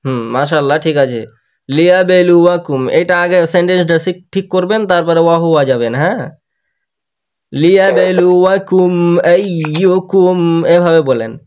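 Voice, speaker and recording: A man's voice: on the high side, darkish tone, highs cut off. Patient man teaching Quran recitation. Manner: patient, repeats words slowly for students to copy. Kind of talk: online tajweed class. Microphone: video call.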